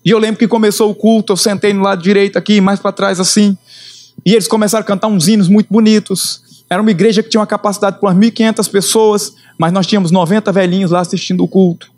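A middle-aged man, preaching his conversion testimony with emotional storytelling that swings in pitch and slows for emphasis. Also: fairly even intonation, a little mellow. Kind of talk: sermon testimony.

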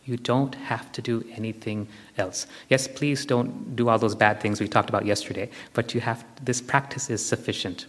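A man's voice: medium pitch, fairly even intonation, normal speed, hardly any pauses, soft background music. A man giving a spiritual discourse and guided meditation, repeating short phrases for emphasis and putting probing questions to his listeners. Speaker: spiritual teacher. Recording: long hall reverb.

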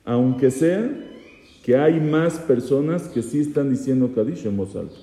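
Dark-voiced rabbi in an echoey hall. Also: male voice, mid-range voice. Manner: poses rhetorical questions, teasing asides. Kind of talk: Torah law lesson. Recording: echoey hall with long reverb.

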